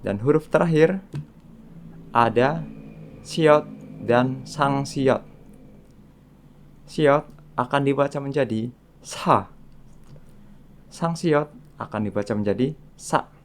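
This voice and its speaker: Male tutor, unhurried drill-style delivery, mid-pitched voice, patient and deliberate. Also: slight background noise. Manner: slow and deliberate, repeating each sound in drills. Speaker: Korean language teacher. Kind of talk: slow, patient lesson narration.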